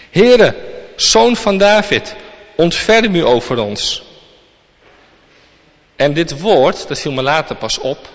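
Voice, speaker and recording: A man's voice: on the high side, a bit bright. A man giving a sermon, reading scripture aloud and then explaining it to the congregation. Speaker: preacher. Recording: long reverb, dull lo-fi sound.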